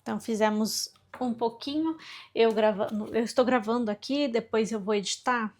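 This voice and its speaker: A woman's voice: a little high, normal speed, a little hiss or hum. A woman vlogging informally about her language studies, chatty and self-deprecating as she thinks aloud while working through her exercises. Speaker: book vlogger. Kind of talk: informal study vlog.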